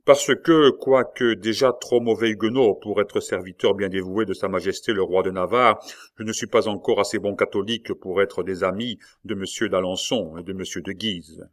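Young nobleman, wounded, fervent, pleading, lowish voice, as a male reader does him. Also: fairly even intonation, moderate pace, close to an everyday voice. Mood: earnest.

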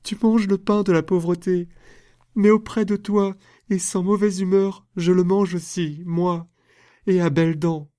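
A man's voice: high-pitched, fairly even intonation, a little slow, a little mellow, no echo, studio quality, pitched above the performer's own voice. A man reading aloud voices a proud, passionate young woman in a storybook, with an impassioned, theatrical delivery. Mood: indignant.

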